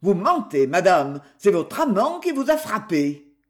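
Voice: medium pitch, sing-song, a little slow, darkish tone. A reader voicing a brusque male police inspector who questions bluntly. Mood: probing. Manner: blunt, interrogating.

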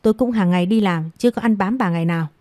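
A woman's voice: mid-range voice, fast talker, warm tone, no room sound, clean studio sound, natural voice. A woman voicing a wronged young woman who answers back in a choked, defiant voice. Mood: hurt defiance.

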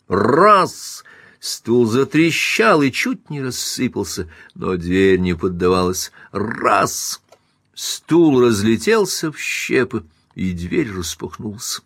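Low-voiced male audiobook narrator. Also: expressive, no echo, studio quality. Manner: dramatic, measured reading. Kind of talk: scripted narration of a classic novel.

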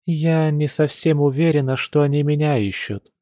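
A man's voice: a little high, steady tone, normal speed, mellow, no echo, voice pushed up, natural voice. Man reading a dry, ironic young woman. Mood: hesitant, tense. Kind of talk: audiobook character voice.

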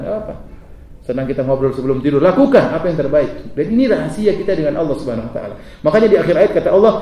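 A middle-aged man preaching a sermon to a live audience, lively and humorous, often asking the crowd questions. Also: on the high side. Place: lecture hall with audience. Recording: echoey hall, mic at a distance.

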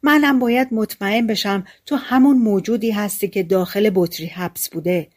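A woman reading an audiobook, voicing a bold, quick-witted young male woodcutter with a cheeky, lively way of talking. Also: medium pitch, lightly acted.

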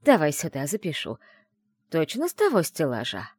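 A stern elderly librarian sorceress, put on by a woman reader, slow and strict in her speech. Her voice stays close to the reader's own, dry and close-up. A fussy old figure from a storybook. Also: deep voice, huge pitch swings, a little mellow, slightly rough, no echo, heavily acted.

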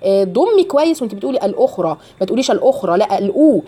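A woman's voice: mid-range voice, very animated, racing, mellow, husky. A woman with an Egyptian Arabic accent teaching Quran recitation one-on-one, patiently correcting and explaining pronunciation. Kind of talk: one-on-one tajweed lesson.

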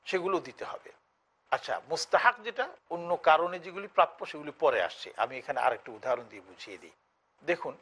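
A man teaching Quran recitation in a lecture, explaining each point step by step, asking and answering his own questions and sounding out Arabic letters slowly. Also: a little high, fairly bright tone. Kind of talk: lecture on tajweed.

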